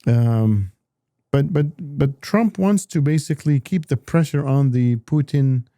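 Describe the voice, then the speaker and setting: A man talking politics as an analyst in a casual discussion, halting often with repeated words and restarts. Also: medium pitch, dark tone, no room sound, clean studio sound.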